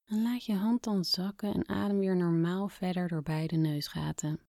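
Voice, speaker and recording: A woman speaking softly and gently as a podcast host guiding a calming breathing exercise, with phrase endings that fade toward a whisper. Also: fairly low pitch, moderate pace, creaky, dry recording, studio quality. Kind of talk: soft, soothing guided relaxation narration.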